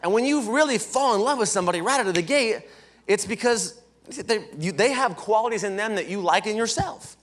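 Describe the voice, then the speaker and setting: A man giving a live motivational training talk at a conference, energetic, often asking "right?" and throwing questions to the audience. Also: sits high, fairly quick. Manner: energetic, keeps checking in with "right?". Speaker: sales leadership trainer. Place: conference hall, indoors.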